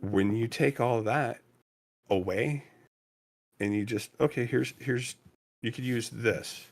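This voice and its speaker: A man's voice: mid-range voice, slow. A man who designs games, talking casually and with emphasis, repeating key words to drive a point home. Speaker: game designer. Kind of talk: casual chat.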